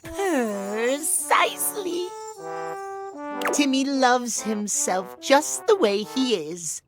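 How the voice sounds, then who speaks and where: A woman's voice: on the high side, lively intonation, very slow. A woman voicing a sleepy, playful, catlike male clock spirit in a video game, drowsy and teasing. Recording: clear music underneath.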